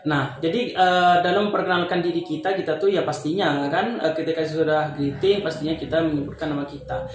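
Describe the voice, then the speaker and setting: A young man from Indonesia giving a casual English lesson, talking through examples slowly with many fillers. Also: a little high, steady tone. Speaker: English teacher. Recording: very echoey room, faint background noise.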